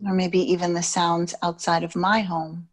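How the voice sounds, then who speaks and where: Leading yoga nidra, a woman yoga instructor keeps things calm and unhurried, pausing for a long while between phrases. She speaks on the low side in a level tone.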